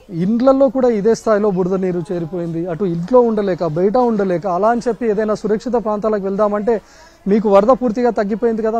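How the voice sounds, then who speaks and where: A man's voice: high voice, warm tone, highs cut off. A man reporting live and urgently from a flooded neighborhood outdoors. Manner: urgent, rapid, emphatic. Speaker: field reporter.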